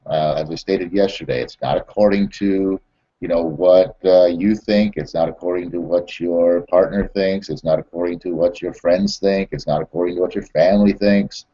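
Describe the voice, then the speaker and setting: A man who trains network marketers, telling stories and recapping a lesson in a halting way full of fillers and repeated words. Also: low-pitched, warm tone, muffled recording. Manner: repetitive, halting, many fillers and restarts. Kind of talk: storytelling and motivational training recap.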